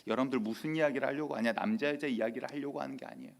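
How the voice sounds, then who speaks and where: A male pastor delivering a sermon in church, telling lively stories and acting out quotes. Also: mid-range voice, rapid-fire, gravelly. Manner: lively storytelling with acted-out quotes.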